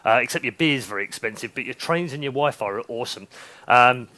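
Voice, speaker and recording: A man commentating live esports, joking and teasing his co-caster with excitable banter over a headset mic. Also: mid-range voice, fast.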